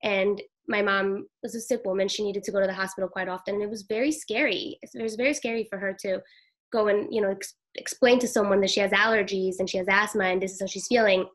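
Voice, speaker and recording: Recounting her experiences in an interview, a middle-aged ER nurse from Peru talks in a soft, halting way. Her pitch is medium and her intonation fairly even.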